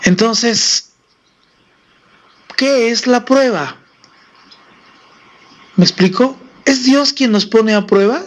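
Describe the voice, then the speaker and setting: A man's voice: extremely high pitch, very slow, long pauses. A man preaching on a live stream about faith, asking the audience rhetorical questions, with a Mexican Spanish accent.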